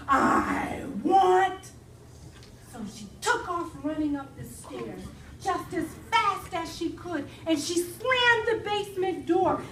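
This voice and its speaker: High-pitched woman telling a spooky story slowly to a crowd of listeners, far from the mic, echoey. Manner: slow, dramatic, coaxing the audience to join in. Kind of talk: children's storytelling performance. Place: indoor room with an audience. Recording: echoey room from far off, loud background noise.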